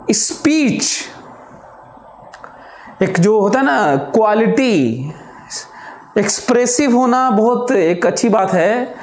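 A man teaching a physics lecture, explaining by repeating examples aloud with long pauses and slowly dictating notes. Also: very high-pitched, roomy sound. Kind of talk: classroom lecture.

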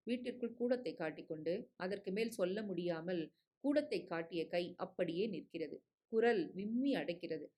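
A woman narrating a short story as an audiobook, reading in a measured, expressive way. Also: on the low side.

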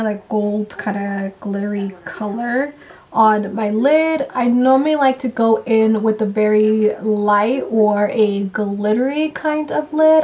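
Excited chatty woman vlogger. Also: on the high side. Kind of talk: casual makeup vlog.

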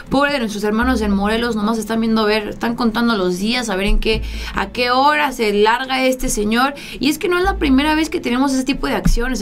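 A young woman from Mexico hosts a political commentary show, her voice pitched a little high. She sounds indignant and animated, gesturing as she reads news and reacts. It is recorded in a small studio. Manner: indignant, talks with her hands. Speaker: host. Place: small studio with blue backdrop.

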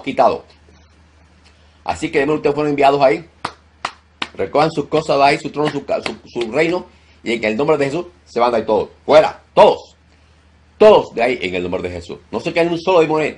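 A male pastor leading a deliverance prayer, loudly commanding and rebuking in a forceful preaching style. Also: medium pitch, husky.

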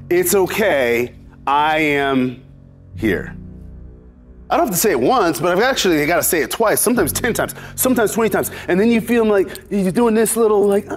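A man in his forties giving an animated, preacher-like inspirational faith talk, telling stories about his children. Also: fairly high pitch. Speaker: motivational speaker.

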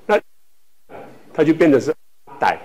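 A man from Taiwan teaching a language class, speaking slowly with many filler tags and repeating words for students to echo. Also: a little high, big pitch swings, darkish tone. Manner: filler-heavy speech with frequent "hou" tags.

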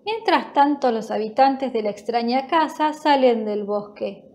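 A woman narrating a children's storybook in a slow, clear, gentle storytelling manner. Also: high voice, expressive.

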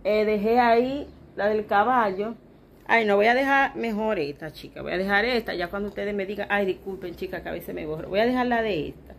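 A woman's voice: mid-range voice, brisk, gravelly, slight background noise. A woman with a Dominican accent chatting to her viewers from her bedroom, acting out what others told her and calling her audience "chicas". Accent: Dominican Spanish. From Dominican Republic. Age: adult with children. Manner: chatty, talks straight to her viewers as "chicas" and acts out quoted remarks. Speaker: vlogger. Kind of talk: casual chat to viewers.

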